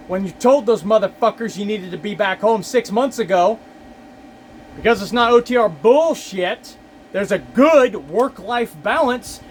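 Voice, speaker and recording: A man's voice: high voice, slight background noise. A man, a delivery driver, talking to camera in a casual, exasperated, profanity-heavy rant. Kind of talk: casual ranting monologue.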